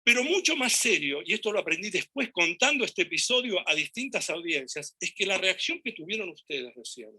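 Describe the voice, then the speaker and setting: A man with a Rioplatense Spanish accent giving a talk to an audience, telling anecdotes in an animated way and acting out dialogue and gestures. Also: high voice, brisk, hardly any pauses, husky.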